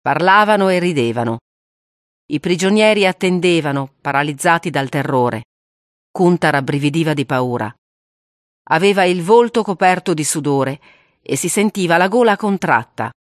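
A woman's voice: low voice, moderate pace, dry recording, studio quality. Grave woman narrating an audiobook. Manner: steady, grave reading.

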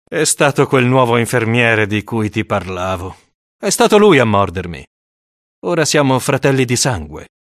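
A reader voicing an affable vampire father who coaxes his son, spoken low and persuasive. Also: sing-song, moderate pace, no room sound, clean studio sound, close to an everyday voice. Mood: coaxing. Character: vampire father, friendly and coaxing.

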